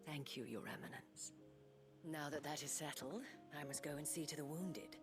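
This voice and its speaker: A gracious, composed leader of a refuge, played by a woman in a video game. Her low, breathy voice is formal and diplomatic, with clear music underneath. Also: moderate pace, lightly acted. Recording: music behind the voice.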